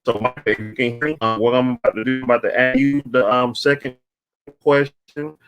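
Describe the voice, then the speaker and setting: A man hosting a casual livestream call, talking haltingly with many fillers and restarts while he sorts out the connection. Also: medium pitch, little pitch movement, a bit bright, clean tone, no room sound, faint music behind, poor audio. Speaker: livestream host.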